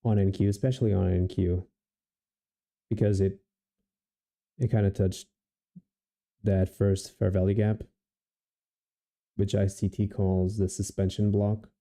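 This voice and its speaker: A man from Portugal with a Portuguese accent, giving relaxed live commentary on his trading and thinking aloud with many restarts and fillers. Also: sits low, measured pace, pauses often. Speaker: day trader streaming live.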